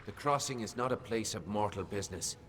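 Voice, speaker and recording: An actor playing a calm, coldly menacing male fey lord in a video game, speaking in a measured, quietly threatening way. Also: fairly low pitch, a little hiss or hum, natural voice. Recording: long reverb with game music behind.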